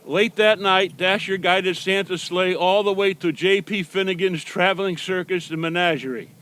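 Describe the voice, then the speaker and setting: High-pitched man reading a children's storybook. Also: steady tone, moderate pace, fairly bright tone, a little hiss or hum. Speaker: storybook reader appearing as Santa Claus. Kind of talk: children's storybook read-aloud.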